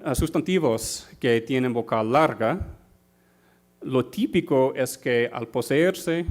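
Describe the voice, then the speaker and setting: A man with a medium-pitched voice gives an academic conference talk in a university auditorium, speaking carefully but with frequent fillers and self-corrections.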